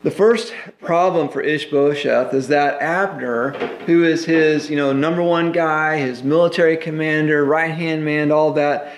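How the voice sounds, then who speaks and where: A man's voice: a little high, steady tone, measured pace, hardly any pauses, echoey room, slight background noise. A man pastor teaching a Bible sermon in a conversational way, full of "you know" fillers.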